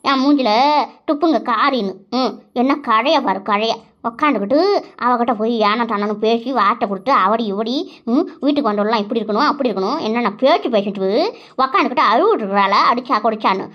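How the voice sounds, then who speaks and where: A woman's voice: sits high, highs cut off. A woman voicing a gossipy village woman who scolds and banters.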